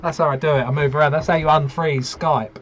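A man's voice: on the high side, fairly even intonation, fast talker, slight background noise. A man hosting a podcast, chatting in a dry, teasing way over a video call from his booth. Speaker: podcast host. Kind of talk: casual chat. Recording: dull lo-fi call audio with faint ambience.

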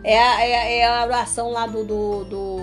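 Woman preaching loudly. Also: a little high, level tone, normal speed, over music. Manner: loud and emphatic, repeats phrases. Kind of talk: sermon. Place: online broadcast.

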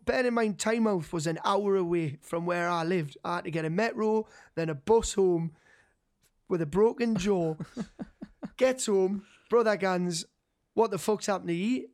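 A young man with a Geordie accent telling an anecdote casually to friends, slangy and sweary, acting out what people said. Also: high voice. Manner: sweary, slangy, animated storytelling that acts out quoted dialogue.

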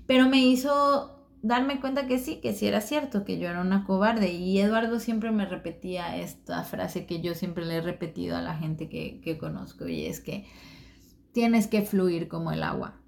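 Young woman, low-ish voice, candid personal storyteller. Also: animated, normal speed, creaky, slight background noise. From Mexico. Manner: candid, reflective, many fillers.

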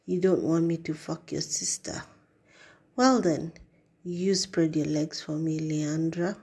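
A woman's voice: sits low, takes it slowly, vocal fry, darkish tone, slightly rough, exaggerated voice. A woman voicing a smug, predatory young man in an audiobook reading, with a taunting, sneering delivery.

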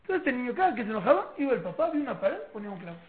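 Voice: mid-range voice, rapid-fire. A teacher with a Mexican accent giving a religious parenting lecture, acting out family scenes with mocking rhetorical questions. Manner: lively, acts out family scenes with mock questions. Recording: tinny phone-like line with faint noise.

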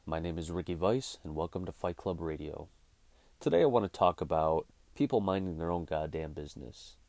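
This man in his thirties talks fairly quickly with lively intonation, his low, darkish voice carrying some vocal fry. Hosting his own podcast, he gives a blunt, expletive-heavy casual monologue, recorded without echo.

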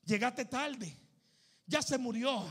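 A male pastor preaching a sermon, moving from soft talk to shouted, chanted lines, over music. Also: extremely high pitch, expressive, takes it slowly, slightly rough.

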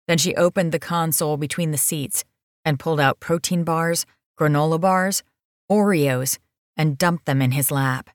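A woman narrating an audiobook in a measured, even manner. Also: low voice, no room sound, studio quality.

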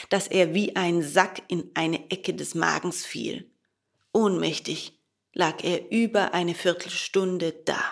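A woman reading a children's fairy tale aloud in a slow, expressive storytelling manner. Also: lowish voice, vocal fry.

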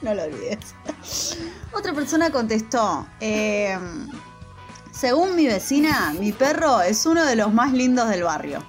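Lively laughing Rioplatense woman. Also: fairly high pitch, measured pace, soft background music. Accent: Rioplatense Spanish. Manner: laughing, slangy storytelling. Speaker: podcast co-host. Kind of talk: casual chat reading listener replies.

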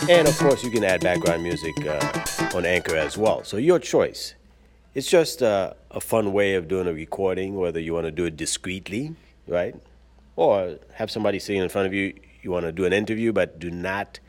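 A man hosting his own podcast in a relaxed, chatty and upbeat way, sitting at his desk at work and recording straight into a smartwatch. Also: low voice. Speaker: podcast host. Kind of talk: casual solo podcast talk.

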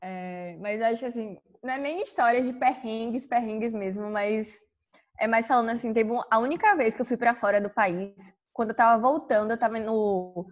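A woman's voice: on the high side, a little fast, highs cut off. A woman co-hosting a podcast, chatting casually and teasing her friends. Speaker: podcast co-host. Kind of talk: casual chat.

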